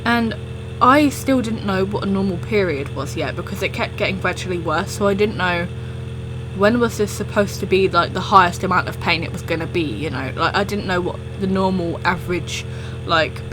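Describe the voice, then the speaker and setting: A woman's voice: mid-range voice, moderate pace, over music, rough recording. A young woman telling a personal story in a casual, rambling chat, often interrupting herself as she goes. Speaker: storytelling video creator.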